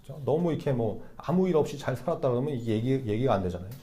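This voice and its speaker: Mellow-voiced young male youth preacher. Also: mid-range voice, lively intonation, racing. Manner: conversational, asks the listeners rhetorical questions. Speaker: youth pastor. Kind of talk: sermon.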